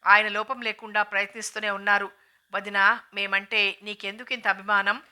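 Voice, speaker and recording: A woman's voice: mid-range voice, level tone, moderate pace, sharp tone. A woman reading the lines of a shy, troubled young woman who speaks hesitantly. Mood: sad.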